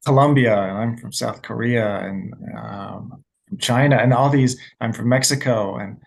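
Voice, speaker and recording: A man's voice: mid-range voice, normal speed, vocal fry, slightly rough. A man directs documentaries and appears as a guest on a radio interview. He answers earnestly, telling stories and leaning on fillers as he recalls his experiences. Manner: earnest, storytelling, frequent fillers.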